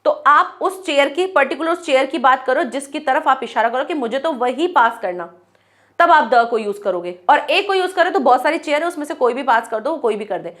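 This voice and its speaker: A woman teaching an English grammar lesson, explaining step by step and sounding out words slowly. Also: high-pitched, lively intonation, a bit bright.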